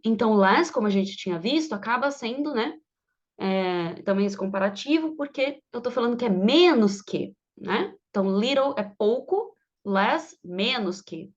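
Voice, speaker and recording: A woman from Brazil teaching English, reading example sentences slowly and translating them with patient explanations. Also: fairly high pitch. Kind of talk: online English lesson. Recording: dull lo-fi sound.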